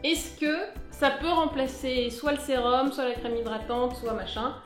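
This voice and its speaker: Chatty woman with an airy, high voice. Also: fairly even intonation, a little slow, reverberant, soft background music. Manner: chatty, playful, bursts into sung asides. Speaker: beauty vlogger. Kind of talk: casual product review.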